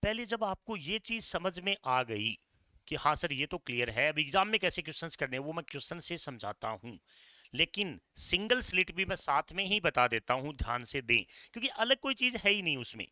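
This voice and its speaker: A middle-aged man with an Indian accent teaching an exam-prep physics lecture, energetic and repeating key points while coaxing his students. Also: a little high, fairly quick, dry recording, clean studio sound.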